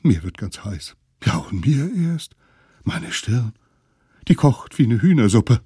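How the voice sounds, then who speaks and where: A man's voice: mid-range voice, big pitch swings, slow pace, mellow, breathy edge, dry recording, studio quality, exaggerated voice. A man voicing sick old cave elders who complain about colds in a children's radio story. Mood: dramatic. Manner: whining, dramatic.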